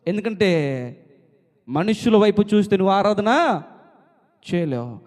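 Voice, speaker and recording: A man preaching a sermon in a repetitive chanting cadence, his phrases dropping low at the ends. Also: lively intonation, unhurried, a little mellow. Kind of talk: Telugu sermon. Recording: long hall reverb.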